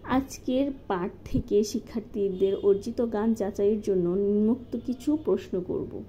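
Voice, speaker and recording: A woman calmly walking through a lesson plan step by step, as a teacher-training instructor. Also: medium pitch, moderate pace. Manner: methodical, step-by-step with occasional fillers. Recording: slightly dull lo-fi recording with faint noise.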